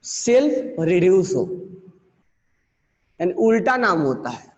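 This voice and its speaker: Man, chemistry teacher, mix, repeats key words slowly, quizzes students, high voice, hall reverb. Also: very animated, a little mellow, lo-fi sound. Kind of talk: classroom lecture.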